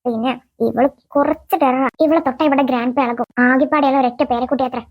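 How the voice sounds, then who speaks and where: A woman voicing a scheming schoolgirl who mutters her plans in a low, conspiratorial voice. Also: steady tone, fast, muffled recording. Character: scheming schoolgirl, sly and plotting. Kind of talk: cartoon voice acting.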